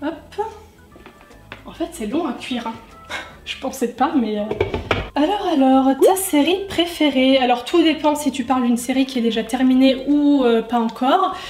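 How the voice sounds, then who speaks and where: A woman's voice: high-pitched, normal speed, darkish tone, faint music behind. A young woman, a lifestyle YouTuber, answering viewer questions in a casual vlog while she cooks at home, chatty and self-mocking with lots of fillers. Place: home kitchen. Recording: echoey kitchen sound.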